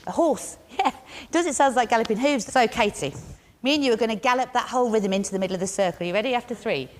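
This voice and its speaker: A woman leading students through a lively drama exercise, encouraging them and chanting rhythms aloud. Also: on the high side, fast talker, in a large hall. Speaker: workshop leader.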